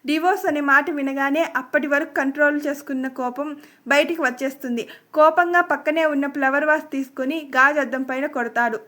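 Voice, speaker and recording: A woman with a high voice narrates a family love story. She tells it in a dramatic, emotive way, as a storyteller reading aloud. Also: a bit bright.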